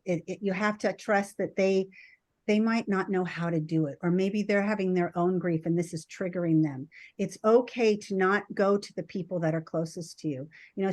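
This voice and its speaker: A woman hospice nurse talking in an earnest, empathetic way, as in a conversational panel discussion. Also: mid-range voice.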